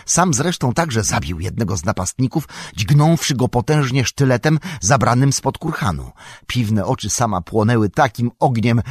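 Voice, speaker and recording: A man reading an epic fantasy audiobook with dramatic, measured storytelling. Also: mid-range voice, slightly rough, no echo, studio quality. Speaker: audiobook narrator. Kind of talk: scripted narration.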